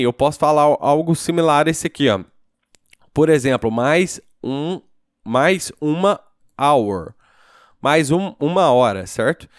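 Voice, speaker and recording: Brazilian man teaching code, smooth voice. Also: medium pitch, dry recording, clean studio sound. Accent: Brazilian Portuguese. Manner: relaxed, thinking aloud, checks in with "certo?" after each step. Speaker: programming teacher. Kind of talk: casual screencast tutorial.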